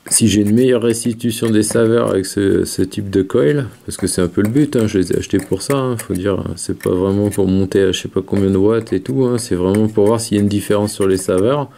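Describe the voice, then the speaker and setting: A French-speaking man chats casually to camera as a video reviewer, vaping while he talks and hesitating with lots of fillers. His voice is on the low side, dark and creaky, and he speaks a little fast with hardly any pauses.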